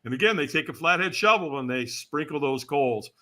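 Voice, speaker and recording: This podcast guest, a Californian man in his sixties, delivers a spirited story, voicing the quoted characters and laughing along the way. He talks fairly quickly with lively intonation, in a fairly high, bright, forceful voice.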